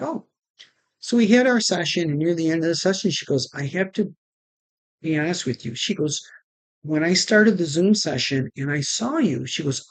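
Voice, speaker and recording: A woman vlogger telling her personal story to camera, halting, with restarts, and retelling conversations line by line. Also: low voice, a little mellow, no echo. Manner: retells conversations with "she goes" and "I'm like".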